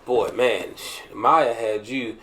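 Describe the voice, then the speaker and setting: A man's voice: medium pitch, takes it slowly, bright, forceful tone, a little hiss or hum. A man in his thirties, hosting a show and telling a personal testimony with humor and emotional swings. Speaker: podcast host sharing a testimony.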